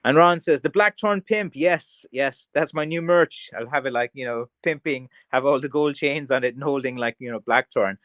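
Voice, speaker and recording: With hardly any pauses, a County Kerry man chats through livestream comments at a normal pace, steady in tone and mid-range in pitch. He's a craftsman selling blackthorn sticks, with a mild west of Ireland Kerry accent and a rambling, tongue-in-cheek manner; the recording is dry with a fairly bright tone.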